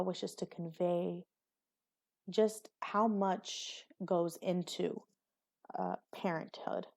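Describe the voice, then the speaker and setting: A woman's voice: lowish voice, darkish tone. A young woman giving a recorded class presentation on a poem, hesitant, with many fillers and restarts. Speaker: student presenter.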